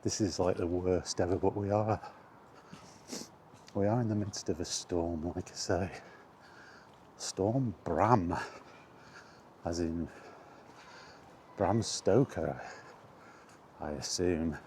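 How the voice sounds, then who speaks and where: Low and darkish in tone, the vlogger's voice is slow and full of pauses as he strolls a path in the wind, talking casually to his camera. His chat meanders, mocks himself, and includes mild, irritated swearing. Outdoor ambience and wind sit under the camera recording.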